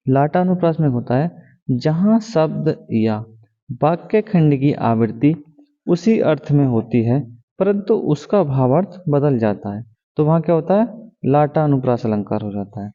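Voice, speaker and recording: A man teaching a grammar lesson, who keeps asking rhetorical questions and answers them himself, repeating key words and slowing down to read examples. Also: fairly high pitch. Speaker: exam coaching teacher. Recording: tinny phone-like sound with long reverb.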